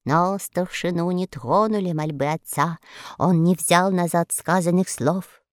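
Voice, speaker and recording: A woman narrating a storybook in an expressive storytelling way. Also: lowish voice, unhurried, no echo, studio quality. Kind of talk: storybook reading.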